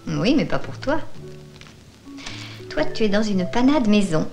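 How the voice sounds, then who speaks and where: A woman's voice: mid-range voice, sing-song, unhurried, vocal fry. An actress playing a small, short-sighted, mercenary female informant in a dubbed film drama, with a teasing, theatrical manner. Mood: smug, teasing. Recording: music behind the voice.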